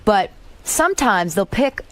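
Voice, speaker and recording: Appearing in a radio interview as a songwriter, a middle-aged woman speaks in a mid-range voice at a measured pace. Her storytelling is candid and lively.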